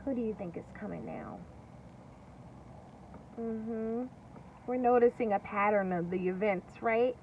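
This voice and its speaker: Captured on a distant mic with faint noise and lo-fi quality, a teacher reads to young children at home. Her voice is a little high, and her delivery is singsong and emphatic, stopping to ask questions and wait for replies.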